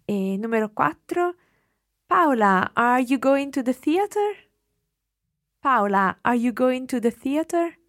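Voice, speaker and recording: A woman's voice: sits high, sing-song, unhurried, a bit bright, dry recording, studio quality. A woman teaching Italian, setting translation exercises and patiently explaining the grammar. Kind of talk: language lesson.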